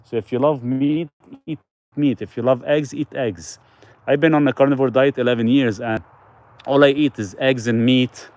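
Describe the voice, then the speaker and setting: A man's voice: mid-range voice, steady tone, moderate pace, darkish tone, no room sound. A man hosting a casual live stream, answering viewers' questions in a loose, rambling way with frequent restarts.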